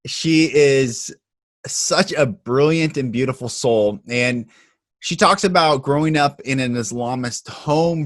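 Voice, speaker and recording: Earnest male spiritual podcast host. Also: medium pitch. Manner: warm, earnest, blessing-filled delivery.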